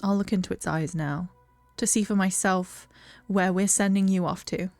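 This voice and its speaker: A woman voicing a young fortune-teller witch in a video game, reading the dialogue softly and earnestly. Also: mid-range voice, fairly even intonation, moderate pace, no room sound, soft background music, close to an everyday voice. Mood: tender.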